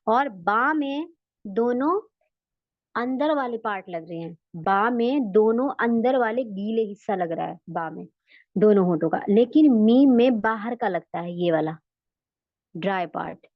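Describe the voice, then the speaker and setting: A woman's voice: medium pitch, animated, no echo, muffled recording. Patient woman teaching tajweed, dry sound. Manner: patient, repeats letters slowly for demonstration. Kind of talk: online Quran recitation lesson.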